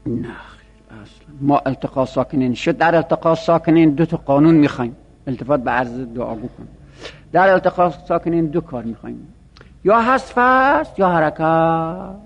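A man's voice: on the high side, expressive, in a large hall, lo-fi sound. A man teaching Arabic grammar in a classroom lecture, explaining rules and asking rhetorical questions. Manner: explanatory, rhetorical questions, speaks for the word itself.

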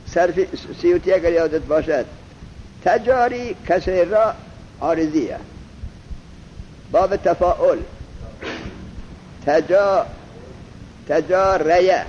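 A man's voice: high-pitched, a little mellow, muffled recording, a little hiss or hum. Man teaching a grammar class. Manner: explains step by step, asks students questions and answers them himself; reads Arabic passages slowly and deliberately. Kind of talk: classroom lesson on Arabic grammar.

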